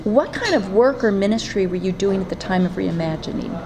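Lively, encouraging female interviewer. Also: mid-range voice, fairly quick, a crowd in the background. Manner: encouraging, affirming. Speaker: oral history interviewer. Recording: noisy background hiss.

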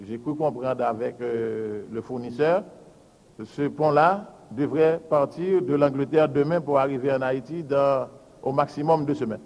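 A man, a public works official giving a formal budget presentation and reading out lists of figures in a measured, deliberate way. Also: mid-range voice, a little mellow. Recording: hall with long reverb.

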